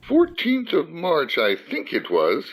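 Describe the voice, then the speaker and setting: A man's voice: a little high, wildly swooping pitch, slow, breathy edge, exaggerated voice. A man playing a nervous, fussy hatter in a radio play, humble, jittery and pleading, given to repeating himself. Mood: apologetic.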